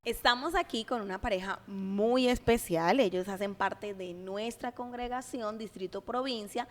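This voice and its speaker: A woman's voice: medium pitch, moderate pace. A woman hosting a church livestream talk show, upbeat and welcoming, playful with her guests. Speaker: host. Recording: reverberant hall.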